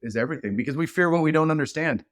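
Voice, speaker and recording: A middle-aged man, a leadership expert guesting on a podcast, telling stories in an animated, rambling way with many restarts. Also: fairly high pitch, very fast, no echo. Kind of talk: casual podcast conversation.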